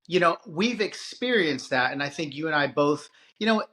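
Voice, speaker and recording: Bright-voiced man musing on a podcast. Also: fairly high pitch, animated, normal speed. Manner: thoughtful, hesitant, many restarts. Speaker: podcast co-host. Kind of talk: casual chat.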